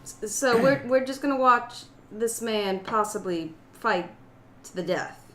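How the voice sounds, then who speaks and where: A woman's voice: fairly high pitch, expressive, unhurried, pushed and bright. Woman chatting in an echoey room. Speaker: tabletop game player. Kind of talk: casual in-game chat. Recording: echoey room, faint background noise.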